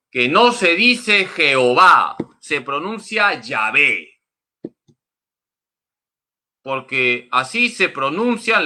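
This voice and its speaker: Priest man doing a bible class, slow and emphatic, keeps repeating his points, slightly high voice. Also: bright, forceful tone. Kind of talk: Bible teaching talk.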